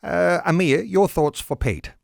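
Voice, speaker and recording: A man with an Australian accent hosting a radio talkback interview in deliberate, polished broadcast phrasing. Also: high voice, gravelly, a little mellow, no room sound, clean studio sound.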